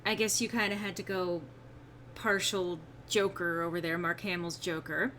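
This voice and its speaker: A woman's voice: fairly low pitch, steady tone, normal speed, pushed and bright, a little hiss or hum. A woman hosting a casual gameplay stream, rambling and self-mocking, sounding a little under the weather and subdued. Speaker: streamer host.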